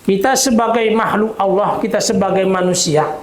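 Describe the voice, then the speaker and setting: A man preaching to a gathering, telling a story in a calm, measured way. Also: roomy sound. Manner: calm, measured, quotes voices in a lower tone. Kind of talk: sermon with storytelling.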